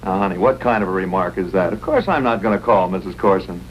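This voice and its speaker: An actor playing an easygoing, teasing Air Force captain and husband in a 1950s TV broadcast drama, with folksy banter. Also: male voice, deep voice, expressive, fast talker. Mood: mild, reassuring. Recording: noisy old 1950s TV soundtrack.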